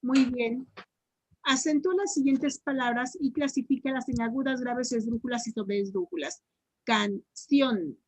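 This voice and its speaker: A woman teacher with a Mexican accent tutoring grammar online, repeating answers and sounding words out slowly syllable by syllable. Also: high-pitched, dry recording. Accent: Mexican Spanish.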